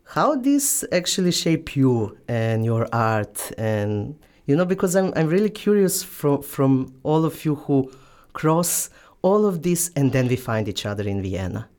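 A woman hosting a radio show from a studio, speaking non-native English in a halting way, with fillers and laughs. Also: rumbling low, very animated, darkish tone.

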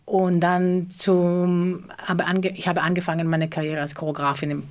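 A middle-aged woman from Israel answers interview questions in German. Her voice sits a little low, and she often pauses to search for words, rephrasing as she goes. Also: little pitch movement. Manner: searching for words, frequent hesitations. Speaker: choreographer and theatre co-founder.

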